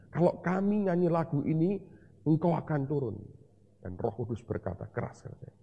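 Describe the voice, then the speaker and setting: A man's voice: medium pitch, a little mellow, slightly rough. A man preaching a sermon, telling a personal story and acting out the dialogue, with English words mixed in. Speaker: pastor. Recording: long hall reverb.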